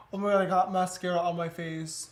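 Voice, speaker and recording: A young man with a high voice talks his way through a makeup tutorial. He is giggly and drunk, playful and casual. Music plays behind him. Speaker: beauty vlogger.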